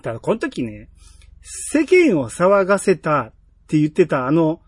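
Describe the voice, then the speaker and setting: A man with a Kansai accent, co-hosting a casual podcast chat about a TV drama, telling scenes in a lively way. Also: fairly high pitch, a little slow, husky, no echo. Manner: chatty, animated storytelling with acted-out quotes. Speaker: podcast co-host.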